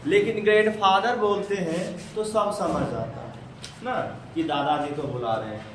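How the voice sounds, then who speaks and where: A man with a high-sitting voice and a Bihari Hindi accent teaches English at a moderate pace, asking his students the same questions again and again. He is far from the mic in an echoey classroom, with slight background noise.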